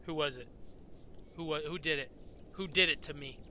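Man, game streamer, profane casual commentary, fairly high and sharp voice. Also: normal speed, a little hiss or hum. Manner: profane, rambling, talks to chat. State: tired, yawning.

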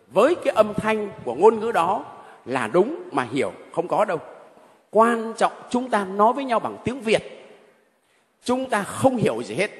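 Animated priest with a high, lively voice. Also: male voice, big-room sound. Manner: animated storytelling, addressing the congregation directly. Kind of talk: sermon. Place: church.

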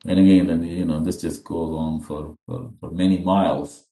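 A man's voice: low-pitched, flat delivery, moderate pace, creaky, mellow, echoey room. A middle-aged man from Pakistan giving an unscripted webinar lecture over a video call, with many fillers and restarts. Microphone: webcam video call.

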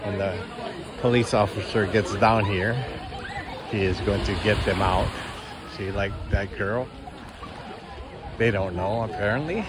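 Over a noisy crowd plus wind and water, a travel vlogger narrates his walk on a tropical beach via handheld phone camera, easygoing, chuckling, and marveling at the view. His voice is on the low side, unhurried, with long pauses.

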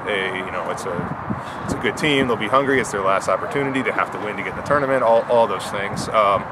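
Coach guy after the game, low voice, talks straight, lots of ums, outside at night w loud cars. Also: fast. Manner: candid, plain-spoken, many fillers and restarts. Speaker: head coach. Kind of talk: post-game interview. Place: outdoor soccer field at night. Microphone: handheld interview mic, close framing. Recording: outdoor night, loud traffic noise.

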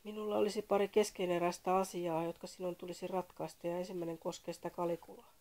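A woman's voice: fairly low pitch, little pitch movement, darkish tone, natural voice. A woman voicing a fussy male caller who lectures about history in a read-aloud story, prim and indignant. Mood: lecturing.

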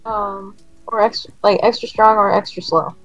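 A woman's voice: medium pitch, fairly even intonation, normal speed, no room sound. Young woman on a dull, dry voice-chat mic; rambling, giggly, uses many fillers. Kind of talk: casual gaming chat. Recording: dry, dull-sounding mic with faint music.

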